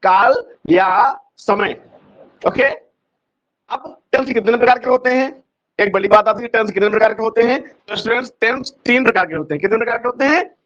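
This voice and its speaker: A man with a very high voice teaches an English grammar lesson with a Hindi accent. He drills his students and keeps answering his own questions. The recording sounds dull and lo-fi. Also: fast talker, a bit bright. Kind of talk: classroom-style grammar lesson.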